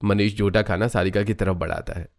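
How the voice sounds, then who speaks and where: A man narrating a cartoon story, low and even. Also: brisk, creaky, soft background music. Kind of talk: scripted narration.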